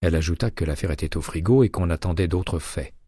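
A man narrates a novel in an even, measured manner. His voice is low and mellow, recorded dry and close with no room sound. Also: slightly rough, no room sound. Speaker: audiobook narrator. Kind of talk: scripted narration.

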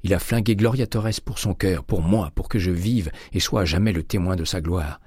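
A man's voice: low voice, normal speed, a little mellow, slightly rough, no room sound, clean studio sound. A man reading a shaken, insistent investigator. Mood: agitated. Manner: agitated, insistent, rising to exclamations. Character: shaken male ex-investigator, adult, urgent. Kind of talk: audiobook character reading.

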